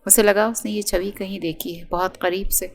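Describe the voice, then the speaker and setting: A woman narrating a romance novel audiobook with steady, dramatic storytelling. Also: mid-range voice, creaky.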